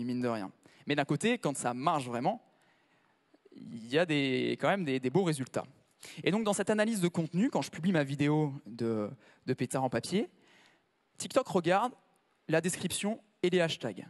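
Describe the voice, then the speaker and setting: A man giving a conference talk with slides, chatty and conversational, turning to the audience and making small asides. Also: on the high side. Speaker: conference speaker. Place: large conference hall. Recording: long hall reverb.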